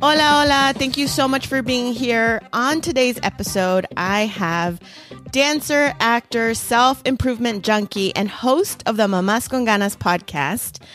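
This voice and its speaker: A woman hosting an interview podcast, asking measured, friendly questions. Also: a little high, fairly bright tone, faint music behind. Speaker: podcast host.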